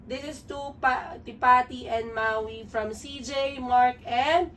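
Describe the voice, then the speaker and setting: A hoarse woman, chatting casually as a vlogger while unboxing gifts at home, switching between English and Tagalog. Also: on the high side, takes it slowly, a bit bright. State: hoarse from a sore throat. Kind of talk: casual gift-unboxing chat. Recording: distant mic, faint room noise.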